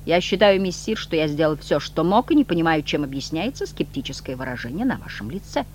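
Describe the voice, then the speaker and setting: A reader doing a shrill, boastful cat-demon. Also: big pitch swings, brisk, slight background noise, close to an everyday voice. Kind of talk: audiobook reading.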